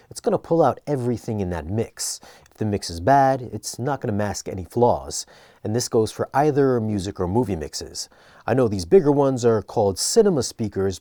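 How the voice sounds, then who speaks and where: A man narrating an equipment review in a conversational but scripted, measured, explanatory way. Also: on the low side, warm tone, dry recording, clean studio sound.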